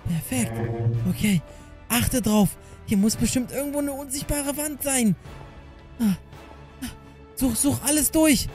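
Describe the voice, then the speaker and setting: High-voiced man leading an urgent Minecraft role-play. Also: a little slow, long pauses, darkish tone, faint music behind. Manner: urgent, directing others. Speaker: YouTuber and narrator.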